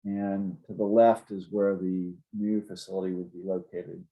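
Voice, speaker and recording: A man's voice: low voice, little pitch movement, moderate pace, muffled recording. A man giving an informal, explanatory presentation as city zoning staff, plain-spoken and a little hesitant.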